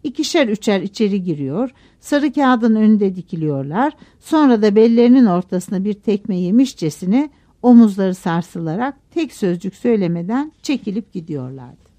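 Expressive woman reading a novel. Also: medium pitch, normal speed. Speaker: narrator. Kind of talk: audiobook narration of a novel.

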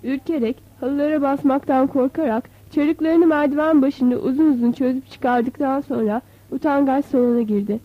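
High-voiced woman reading a novel. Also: steady tone, moderate pace, few pauses, no room sound. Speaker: narrator. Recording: dull, slightly lo-fi.

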